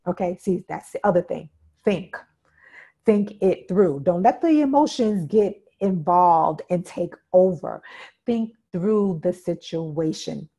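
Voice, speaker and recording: A woman's voice: on the low side, animated, takes it slowly, vocal fry, mellow, slightly rough. A woman instructor giving an interactive workshop talk, emphatic and repeating key points while often checking in with her listeners. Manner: emphatic, checks in with "okay?" and "right?".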